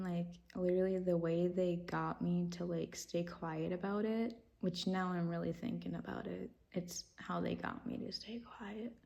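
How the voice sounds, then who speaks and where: A young woman tells a personal story to her vlog audience at an unhurried pace. Her voice is dark and mellow with a gravelly fry running through it. She rambles casually with fillers and lets out nervous giggles. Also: fairly low pitch. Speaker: vlogger.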